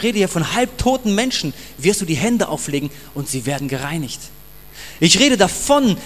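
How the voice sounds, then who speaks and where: A man's voice: high-pitched, big-room sound. Passionate male pastor preaching. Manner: passionate, emphatic, addresses the congregation directly. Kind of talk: sermon.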